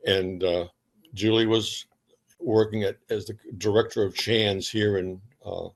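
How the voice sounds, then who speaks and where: An older man with a fairly low voice speaks as an old veteran remembering. He tells anecdotes conversationally, wandering through his memories and often restarting a phrase as he goes. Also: fairly even intonation, measured pace. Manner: rambling, anecdotal reminiscing with repeated starts. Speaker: interviewee, retired Navy veteran.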